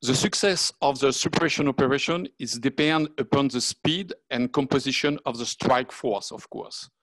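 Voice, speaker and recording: A man in his sixties with a French accent, a native French speaker giving a formal webinar presentation, halting and searching for English words. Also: medium pitch, a bit bright, no room sound, poor audio. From France. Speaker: fire service officer presenting. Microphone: video call.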